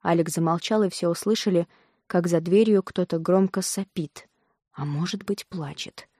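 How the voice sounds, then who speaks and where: Expressive woman reading a storybook. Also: on the low side, moderate pace, dry recording, clean studio sound. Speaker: narrator. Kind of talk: audiobook narration.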